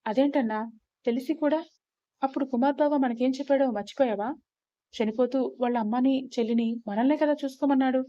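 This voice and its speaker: A woman's voice: high-pitched, brisk, mellow, no echo, lo-fi sound, close to an everyday voice. A woman voicing a young man urgently pleading with his elder brother in a storybook reading.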